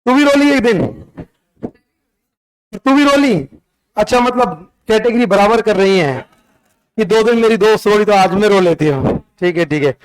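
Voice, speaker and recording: A man with a high, clear voice teaching a class in a classroom. He talks in a chatty, teasing way with his pupils as he tells the history lesson. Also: moderate pace, long pauses, rough recording.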